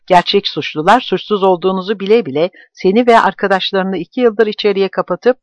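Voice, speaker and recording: A man voicing an agitated middle-aged man who shouts and pleads with a friend. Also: high-pitched, fairly quick, dry recording, muffled recording, pitched above the performer's own voice, close to an everyday voice. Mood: urgent. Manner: shouting, trembling with anger.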